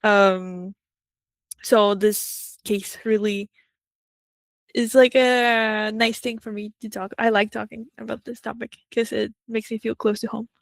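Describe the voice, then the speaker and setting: A woman's voice: a little high, flat delivery, a little slow, gravelly, dry recording. A woman from Peru hosting an interview, talking casually and enthusiastically with many fillers. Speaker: interview host. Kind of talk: conversational video interview.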